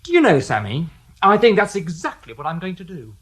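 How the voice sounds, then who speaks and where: A man's voice: high-pitched, huge pitch swings, fairly quick, husky, full character voice. An actor playing a shrewd police detective inspector in a radio drama, dry and sardonic, needling the people he questions with excessive politeness.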